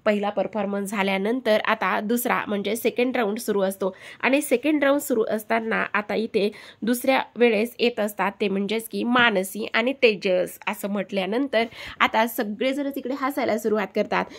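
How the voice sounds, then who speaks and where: A woman narrating a TV serial episode recap, addressing viewers directly in a lively way. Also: mid-range voice, normal speed.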